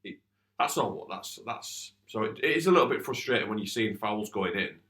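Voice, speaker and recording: A man with a fairly low voice co-hosts a casual podcast. He speaks plainly and a little frustrated, often stumbling and restarting his sentences. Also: lively intonation, fairly quick, fairly bright tone. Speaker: futsal coach and podcast co-host.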